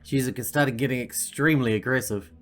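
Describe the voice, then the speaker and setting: A woman's voice: rumbling low, brisk, soft background music. A woman doing a let's play, reading game narration aloud and adding casual commentary.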